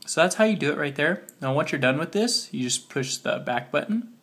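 A man's voice: fairly high pitch, expressive, a bit bright. A man who is sick and sounds slightly muffled, giving a casual step-by-step phone tutorial as he works through it and spells things out. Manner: talking while working on a phone, spelling things out slowly. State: sick with a cold. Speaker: tutorial host.

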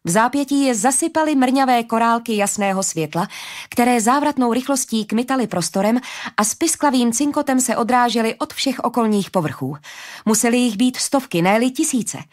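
A woman narrating a fantasy audiobook in a steady, even storytelling manner. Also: a little high.

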